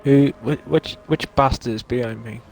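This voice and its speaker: A man's voice: mid-range voice, normal speed, vocal fry, a little mellow, rough recording. A man chatting casually during a sim race, laughing often and trading crude banter over voice chat. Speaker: sim racing co-commentator and driver. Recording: race car engine noise underneath.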